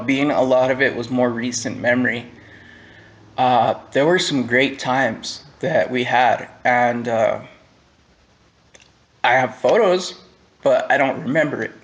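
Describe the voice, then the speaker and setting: A young man giving a personal monologue to the camera at home, candid and halting, with frequent pauses and fillers. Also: medium pitch, fairly bright tone, highs cut off. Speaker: vlogger.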